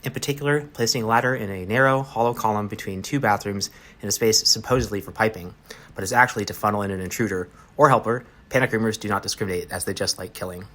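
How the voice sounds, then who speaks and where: Man, reading a story aloud, low voice, very fast, matter-of-fact, occasional slips. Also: fairly bright tone. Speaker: reader.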